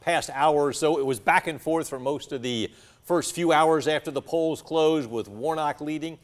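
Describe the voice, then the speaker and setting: A man's voice: fairly high pitch, moderate pace. A man anchoring breaking election news on a broadcast.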